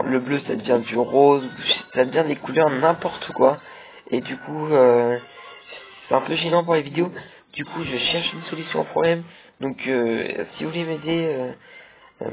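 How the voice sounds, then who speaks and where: A man's voice: fairly high pitch, vocal fry. A young man giving casual, rambling commentary over his own gameplay, with many fillers and restarts. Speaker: gameplay video creator. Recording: tinny lo-fi capture with loud game music. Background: game music.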